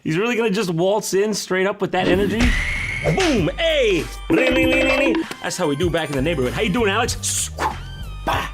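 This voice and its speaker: Sarcastic high-voiced male commentator. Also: sing-song. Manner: sarcastic, quick jokes, laughing. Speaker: reaction video host. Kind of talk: comedic commentary. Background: background music.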